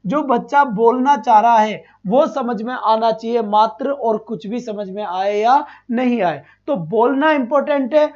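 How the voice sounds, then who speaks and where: His voice very high and a little mellow, a male teacher leads an online exam-prep class, answering his own questions, repeating each point and praising the students as his children. The recording's highs are cut off.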